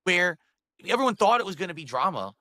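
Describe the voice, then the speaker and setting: A man's voice: sits high, very animated, fast talker, bright, forceful tone, dry recording, studio quality. A man in his forties talking on his stream in a rambling way, often checking in with "right?". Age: 40s. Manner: rambling, keeps asking "right?".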